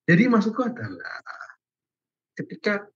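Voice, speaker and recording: A man's voice: sits high, huge pitch swings, moderate pace, breathy edge. A young man giving a casual online Bible lesson, chatty and informal, peppering his talk with fillers and laughing easily. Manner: chatty and informal, many fillers like "gitu" and "guys", laughs often. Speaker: Bible class teacher. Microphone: video call. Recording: muffled video call audio.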